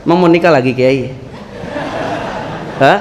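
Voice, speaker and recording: A man's voice: mid-range voice, measured pace. A middle-aged man, teaching a religious study class in a joking way and bantering with his audience. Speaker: Islamic teacher. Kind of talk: humorous religious study lecture. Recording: reverberant hall, faint ambient noise.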